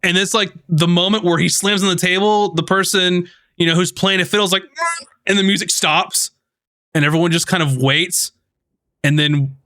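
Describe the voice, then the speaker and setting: A man narrating as game master, relaxed and rambling, with many ums and likes. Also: a little high, no room sound, clean studio sound.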